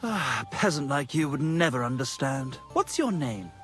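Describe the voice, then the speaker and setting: A pompous lovesick troubadour poet. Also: male voice, mid-range voice, sing-song, moderate pace, a bit bright, faint music behind. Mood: lofty. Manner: pompous, theatrical, scornful. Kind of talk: video game cutscene acting.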